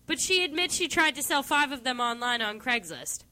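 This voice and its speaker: A woman's voice: sits high, lively intonation, moderate pace, sharp tone. A woman co-hosting a comedy radio show, teasing and sarcastic in casual banter. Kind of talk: casual comedic banter, reading news aloud.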